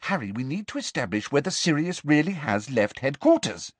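A man's voice: fairly high pitch, very animated, moderate pace, breathy edge, dry recording, voice pushed up. A man voicing an anxious, insistent, clever teenage girl in an audiobook, pleading and precise. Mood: urgent. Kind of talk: audiobook character voice.

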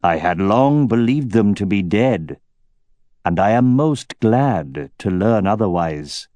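A man voicing an evil king with a deep, rich voice, speaking in a slow, stately and ceremonious way. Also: expressive, dark tone, no echo. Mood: gloating. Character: evil king, male, adult, commanding and silky.

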